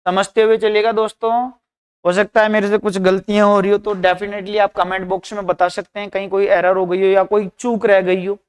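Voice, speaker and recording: A man teaching an exam-prep class. He reads English points slowly, then explains each one in Hindi, often adding "bhai" and reminders to keep things in mind. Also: sits high, clean tone. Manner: repeats "dhyan rakhiyega" and "bhai" often. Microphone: screen recording.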